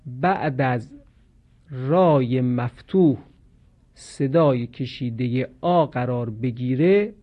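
A man teaching Quranic pronunciation in a slow, measured lesson, drawing out each example word as he recites it. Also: fairly high pitch, highs cut off.

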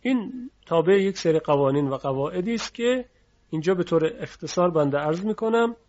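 Male teacher, patient and methodical, repeats example words, fairly high voice, dull lo-fi recording. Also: lively intonation, a little mellow. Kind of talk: explaining reading rules in a lesson.

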